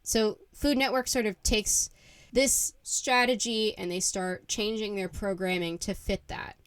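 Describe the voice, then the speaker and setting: A woman's voice: medium pitch, steady tone, unhurried, fairly bright tone, smooth, no room sound. A woman co-hosting a podcast in casual chat, talking in a chatty, laughing way full of filler words. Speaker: podcast co-host.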